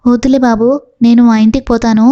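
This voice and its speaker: A woman reading the lines of a timid, flattering male servant who pleads and fawns. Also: fairly high pitch, a little fast, no room sound, dull audio, lightly acted. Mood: fawning.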